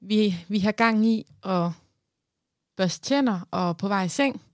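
A woman's voice: mid-range voice, a little mellow, dry recording, clean studio sound. A woman in her thirties, a podcast co-host, telling funny stories in casual chat and laughing often.

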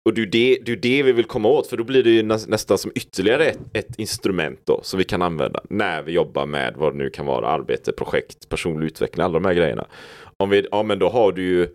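Low-voiced man rambling on a podcast. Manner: reflective, rambling storyteller. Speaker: podcast host. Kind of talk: casual podcast conversation.

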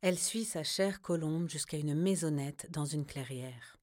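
A woman narrating a scripted children's story in a slow, gentle storytelling manner. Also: low voice, no echo, studio quality.

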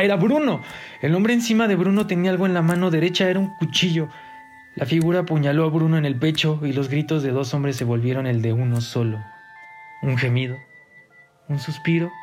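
A man narrating a first-person horror story in a tense, dramatic way, his voice rising in pitch at key moments. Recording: faint music behind the voice.

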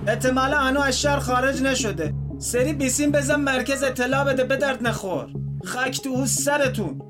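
A harsh, impatient patrol officer, as a man acts him out barks orders from afar in a very high, strained voice. Loud dramatic music plays under him throughout this audio drama. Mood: impatient, scolding. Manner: shouting orders from a distance. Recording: loud background music score.

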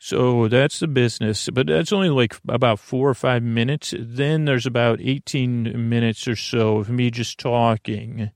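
A middle-aged podcast host with a creaky, gravelly, mid-range voice delivers a bedtime monologue that meanders, halts, and keeps interrupting itself. His tone is steady, and the recording is dry and studio quality.

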